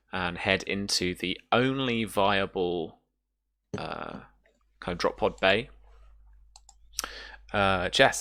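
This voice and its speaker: A man with a low, pushed, bright voice casually narrates and explains rules as a game master, working through his explanations piece by piece. The studio recording is clean with no echo.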